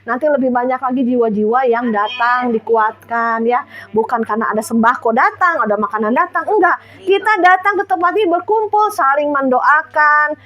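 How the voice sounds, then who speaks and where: A woman's voice: high voice, moderate pace, a bit bright, lo-fi sound. A middle-aged woman, preaching an informal home sermon in a conversational, exhorting way. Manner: conversational, exhorting, checks in with listeners.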